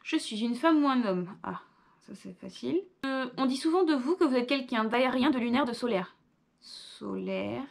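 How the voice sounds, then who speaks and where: A woman's voice: a little high, animated, normal speed, gravelly. A young woman, reading quiz questions aloud and answering with offhand asides in a casual vlog. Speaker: vlogger.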